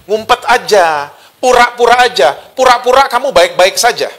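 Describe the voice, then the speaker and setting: A sly, tempting male devil, put on by a preacher, urging in a coaxing, secretive way. The voice rides high and bright, pressing his listener to hide and pretend. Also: lively intonation, normal speed.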